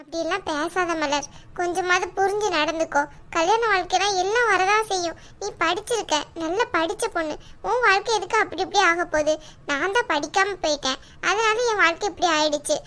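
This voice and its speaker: A woman doing a shrill pleading young wife. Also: brisk, bright, forceful tone. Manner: pleading, scolding. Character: young village wife, worried, pleading older sister type. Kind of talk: cartoon dialogue.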